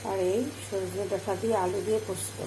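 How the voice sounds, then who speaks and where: A woman's voice: mid-range voice, level tone, quick pace, roomy sound, heavy background noise. A middle-aged woman vlogging casually as a mother, chatting as she goes about her kitchen chores. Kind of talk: casual vlog narration. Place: home kitchen, indoors.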